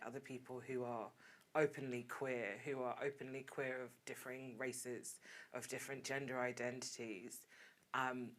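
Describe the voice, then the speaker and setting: A woman's voice: rumbling low, fairly bright tone. A woman in her late thirties speaking as a panelist on an online discussion, earnest and reflective, offering encouragement. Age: 30s. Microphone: video call.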